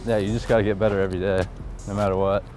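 The young man, a college baseball player, talks rapid-fire in a lowish voice while walking across campus for a casual interview. Faint music plays behind him. His tone is relaxed and laid-back, and fillers are frequent.

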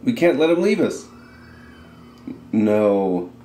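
A man's voice: lowish voice, expressive, moderate pace, a little mellow, slight background noise. A man giving casual gameplay commentary, swearing and laughing easily. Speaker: let's play co-host. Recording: echoey room, faint game music.

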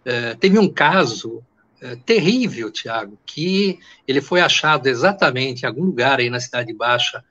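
An older man in his sixties hosting a video call, telling local history in a digressive way and pausing to search for names. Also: mid-range voice, animated, pushed and bright. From Porto Alegre, Brazil. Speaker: host and history teacher. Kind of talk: conversational history talk. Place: indoors, home room. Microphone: video call webcam. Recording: muffled video call audio.

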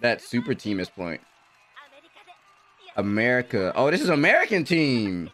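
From his small bedroom streaming setup, a young man who hosts anime reactions speaks close to a desk mic in front of him, giving slangy, exclamatory, casual commentary. His voice is mid-range and a bit bright, with big pitch swings and a slightly slow pace.

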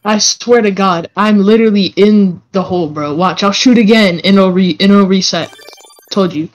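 A man's voice: high-pitched, normal speed, highs cut off. A young man teasing and boasting in casual gaming chat over voice chat. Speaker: gaming friend.

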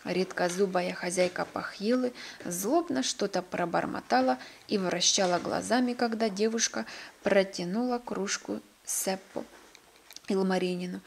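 Expressive woman reading a picture book. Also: mid-range voice, normal speed, vocal fry, husky. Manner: expressive, occasional slips and restarts. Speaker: storyteller. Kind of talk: reading a children's book aloud.

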